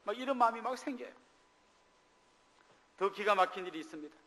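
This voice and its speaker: A middle-aged man preaches from the pulpit, his fairly high voice carrying through the long reverb of a church hall. He tells a personal testimony and acts out the voices of the people in his story. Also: expressive, a little fast, pushed and bright. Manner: storytelling testimony, acting out quoted dialogue. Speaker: pastor. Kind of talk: sermon. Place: church sanctuary.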